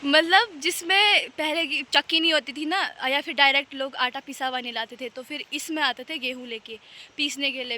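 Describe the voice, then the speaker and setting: On a mountain trail next to a river, a tired young hiker holds up her phone and chats through a casual vlog, joking at her own expense. Her voice is high, bright, and forceful, and the river murmurs faintly behind.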